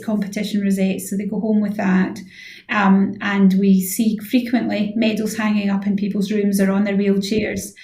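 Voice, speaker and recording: A Scottish woman in her sixties, medium-pitched and warm, is a guest on a conversational radio interview. Her answers are thoughtful and wordy, and she often repeats her phrases. The room sound is echoey.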